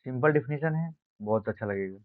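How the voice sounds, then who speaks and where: Slow, repetitive male science teacher. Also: medium pitch, lively intonation, dry recording. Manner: slow, repetitive, asks and answers own questions. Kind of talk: exam-prep science lesson. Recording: dry, phone-like narrow sound.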